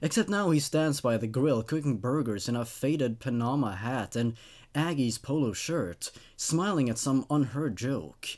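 A man in his twenties who is a non-native English speaker hosts a YouTube channel, narrating horror stories and adding casual commentary. His voice is mid-range and darkish. He sits in a small, dark indoor room, close to a studio microphone on a boom arm.

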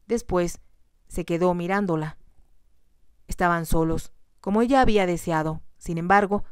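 A woman storyteller reading a romance novel aloud in a gentle, soft ASMR style, calm and slow. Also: on the low side, clear, resonant tone, dry recording, studio quality.

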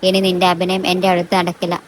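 A woman voicing an angry young man who accuses his girlfriend, in a flat, low delivery. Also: a little fast, slight background noise, natural voice, rough recording. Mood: bitter accusing. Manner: accusing, bitter. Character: angry young man, jilted college lover.

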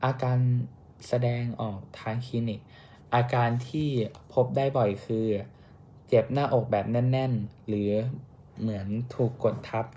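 Student presenter, young man, warm low-key delivery, careful reading with small restarts. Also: fairly even intonation, a little slow, a little hiss or hum. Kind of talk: reading a class report.

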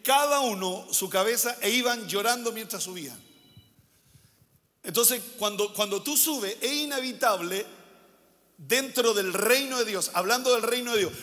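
Man, pastor, sermon, high bright voice, long reverb of a church hall. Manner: preaching with repeated phrases and rhetorical questions.

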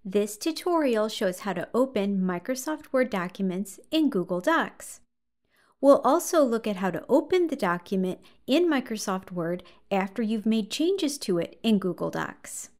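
A woman in her thirties hosting a scripted software tutorial, giving calm, measured step-by-step instructions from a small room. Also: mid-range voice, dry recording, clean studio sound. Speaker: tutorial host.

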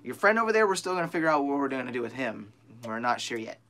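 A young man vlogging from a small bare room, animated and profane as he retells a tense story to a close camera. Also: mid-range voice, fast.

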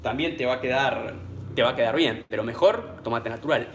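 A man's voice: mid-range voice, brisk, roomy sound, slight background noise. A man with a Rioplatense Spanish accent hosts a live cooking stream, chatting as he cooks and greeting viewers by name. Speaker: cooking channel host. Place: small home kitchen.

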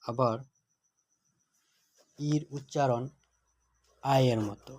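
A man teaching a grammar lesson, reading out words one at a time with their meanings in a measured, dictating way. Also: medium pitch, a little mellow, slightly rough. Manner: measured, word-by-word dictation with translations.

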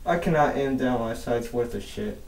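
A young man with a gravelly, slightly mellow mid-range voice casually reviews an airsoft mask indoors at a moderate pace, muffled by his balaclava and mask. His vlog is rambling, with mild swearing. Roomy, distant camera audio carries slight background noise.

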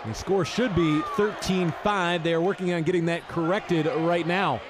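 A man giving fast live basketball commentary as play-by-play announcer, with clipped, urgent calls. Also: sits high, steady tone. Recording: noisy arena with crowd behind. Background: crowd and bouncing basketball in arena.

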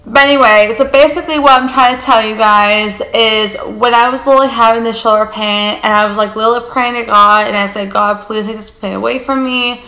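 Bright chatty young woman vlogging. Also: on the high side, steady tone, a little fast, hardly any pauses, echoey room. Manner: chatty, rambling, fillers of like and you guys. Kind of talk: casual vlog chat to camera. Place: living room on a leather couch.

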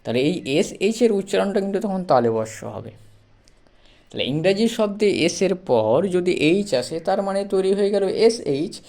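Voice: medium pitch, animated, fairly quick, warm tone. A teacher giving a spoken pronunciation lesson, spelling out each word letter by letter and patiently repeating every point. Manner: spells out words letter by letter, then repeats them. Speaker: English teacher.

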